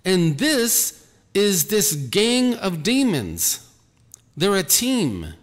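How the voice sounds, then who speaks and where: A man giving an earnest personal testimony about his ministry, talking slowly and repeating himself. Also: high voice, wildly swooping pitch, long reverb tail. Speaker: ministry leader.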